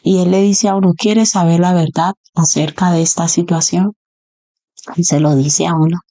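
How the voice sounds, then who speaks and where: Woman, preacher, sermon, earnest, rhetorical questions, lowish voice. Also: steady tone, moderate pace, mellow.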